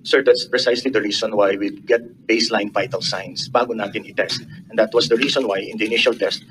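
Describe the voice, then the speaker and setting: A man's voice: lowish voice, steady tone, a little fast, fairly bright tone, slight background noise, low-quality recording. Man explaining testimony at a hearing. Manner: explanatory, mixes English and Tagalog, apologetic. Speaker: medical expert testifying.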